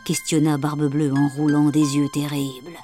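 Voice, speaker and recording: A woman's voice: low-pitched, normal speed. Woman reading a fairy tale dramatically. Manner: expressive, dramatic. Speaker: storyteller. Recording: music playing behind.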